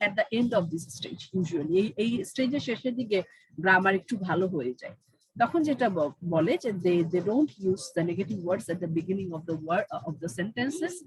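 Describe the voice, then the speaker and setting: A woman's voice: mid-range voice, breathy edge, no echo, poor audio. A woman teacher with a Bengali accent giving an online class to university students, switching between English and Bengali as she explains, while she has a headache.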